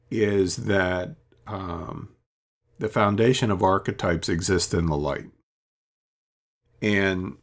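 A man with a very deep voice gives a casual spiritual talk on his own. He wanders through his thoughts, pausing on ums and asides as he goes. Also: fairly bright tone. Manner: rambling, reflective, many ums and asides.

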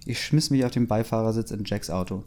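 A man's voice: on the low side, brisk, darkish tone. A young man casually reading a fan story aloud, breaking in with his own asides and chuckles. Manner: reads loosely, interrupts with asides and chuckles. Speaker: story reader.

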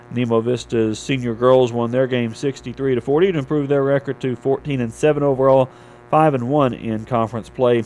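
A man's voice: mid-range voice, a little mellow, low-quality recording. A man anchoring a local radio newscast, reading sports scores and weather from a script in a studio.

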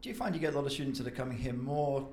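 Male co-host, rapid casual delivery, dry humour, roomy sound with background noise. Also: mid-range voice, steady tone, a little mellow. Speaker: podcast co-host. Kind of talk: casual chat.

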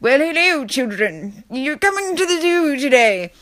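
Comic bit: woman voicing a pompous zookeeper lecturing kids in a put-on accent, pitched up. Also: sing-song, measured pace, a bit bright, no room sound, heavily acted.

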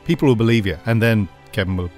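A man hosting a casual chat, lively and quick to restart his sentences. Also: on the low side, soft background music. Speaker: host.

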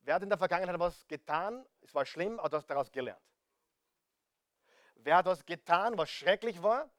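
A man with a high voice and an Austrian accent delivers a sermon, urging his listeners to listen again and again. He asks rhetorical questions and swings from loud to nearly hushed, on a dry, close sound. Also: animated, moderate pace, no echo. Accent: Austrian German. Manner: direct, pleading, repeats appeals to listen. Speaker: preacher.

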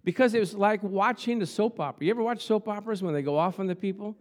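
A man's voice: high-pitched, fast talker. A man preaching a conversational motivational sermon, emphatic, with repeated phrases, rhetorical questions and humorous storytelling.

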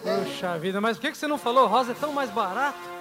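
A man's voice: extremely high pitch, lively intonation, quick pace, loud music behind the voice. A man playing a clueless, boastful husband. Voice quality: boastful, exclamatory. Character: proud, clueless husband giving a gift. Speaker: husband in a church skit. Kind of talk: amateur stage skit.

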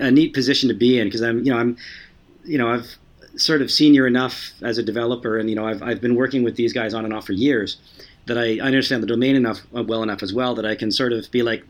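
A man in a relaxed conversation, often circling back with "you know" and repeated starts before landing his point. His voice sits at an ordinary middle pitch. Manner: halting, many restarts and fillers. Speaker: podcast guest, software developer. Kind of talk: casual conversation.

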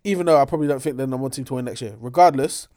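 A young man with a London accent in a casual, animated sports debate, slangy and emphatic. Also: mid-range voice, very fast. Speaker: sports talk show co-host. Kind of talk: casual basketball debate among friends.

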